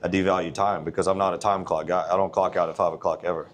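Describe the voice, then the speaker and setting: A man's voice: low-pitched, flat delivery, quick pace. A man in his forties, a gym owner, talking in a blunt, earnest, plain-spoken way in a casual interview. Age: 40s.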